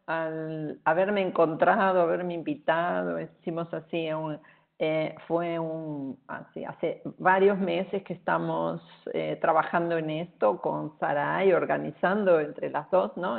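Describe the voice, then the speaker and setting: A middle-aged guest speaker from Argentina, whose Spanish accent carries a Portuguese influence, gives a relaxed, chatty webinar presentation full of fillers over a video call. Her voice is fairly low and gravelly, and the online call audio sounds tinny and phone-like.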